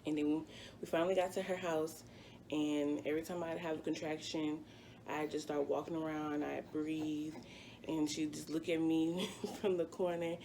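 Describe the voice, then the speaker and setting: A woman in her twenties, a vlogger, tells a casual personal story in a chatty, rambling way packed with fillers. Her voice is low and dark, her tone level, and her pace moderate. There is slight background noise.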